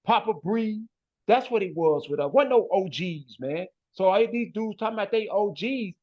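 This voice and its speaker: With a high voice, lively intonation, and moderate pace, a west-side Chicago man talks casually as an interview guest. He's emphatic and caps phrases with "man" and "bro," though the lo-fi recording makes him sound dull.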